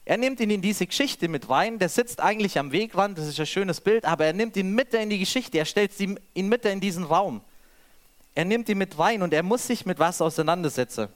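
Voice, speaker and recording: Male preacher, higher voice, reads scripture then preaches freely. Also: expressive, a little fast. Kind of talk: sermon with scripture reading.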